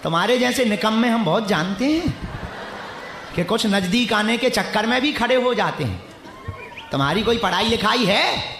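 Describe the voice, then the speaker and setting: High-voiced man preaching in an echoey stadium. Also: animated, normal speed, a bit bright, a little hiss or hum. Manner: teasing, banters with the audience. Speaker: religious preacher. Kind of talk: live address to a stadium crowd. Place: packed stadium.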